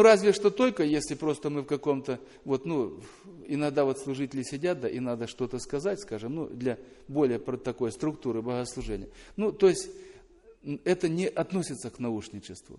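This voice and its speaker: A man with a fairly high voice delivers a sermon to his congregation. He rises loud on the points he stresses and drops low and quiet to read scripture. The sound carries a long reverb, as in a large church hall. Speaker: preacher.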